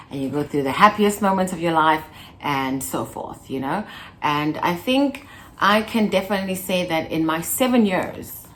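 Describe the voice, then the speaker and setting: A woman's voice: sits low, slight background noise. A woman in her twenties chatting casually to her viewers in a vlog, playful and talkative, breaking into little laughs and snippets of song. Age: 20s. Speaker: vlogger. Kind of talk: casual chat to camera.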